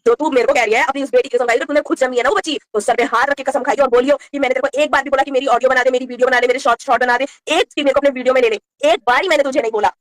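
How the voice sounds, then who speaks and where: Fast, high-pitched woman ranting confrontationally. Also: fairly even intonation, dry recording. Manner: confrontational, rapid-fire, scolding. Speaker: vlogger. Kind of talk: heated vlog rant.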